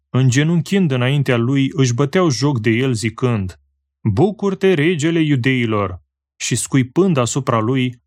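Man reading scripture, slow and measured. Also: medium pitch, no echo, studio quality. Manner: slow, measured, phrase-by-phrase delivery. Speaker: scripture reader. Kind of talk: solemn Bible reading.

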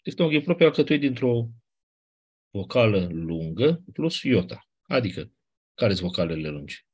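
A man with a low, husky voice is teaching a class. He explains things step by step in a conversational way and throws in quick asides to his students. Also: very animated. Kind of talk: classroom lecture.

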